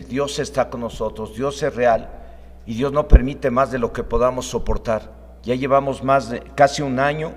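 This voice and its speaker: A man preaching an online sermon as a pastor, moving between calm teaching and fervent prayer. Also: medium pitch. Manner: starts calm, then fervent, raising his voice to preach. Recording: long hall reverb.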